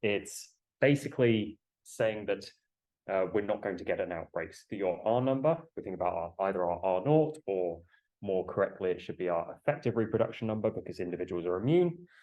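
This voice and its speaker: A man lecturing to a class through a face mask while he has a cold, explaining in a halting way and putting questions to students. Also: low voice, lively intonation, dark tone, muffled recording.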